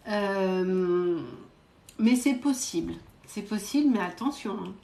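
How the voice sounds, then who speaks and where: A woman psychic medium giving quick readings to viewers during a live stream, direct and coaxing, often adding little verbal tags. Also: medium pitch, animated, gravelly, dark tone, reverberant. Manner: brisk, direct, coaxing, peppered with "hein" and "euh".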